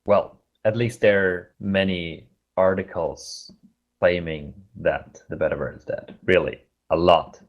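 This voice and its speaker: A man with a German accent gives an online conference talk in a casual, chatty way, halting often with fillers and restarts. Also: sits low, fairly even intonation, muffled recording. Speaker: conference speaker.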